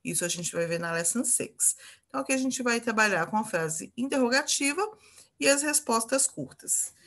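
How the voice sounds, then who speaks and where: A woman's voice: fairly high pitch, animated, moderate pace, fairly bright tone. A Brazilian woman teaching an English grammar lesson, patiently repeating example phrases and checking in with her students.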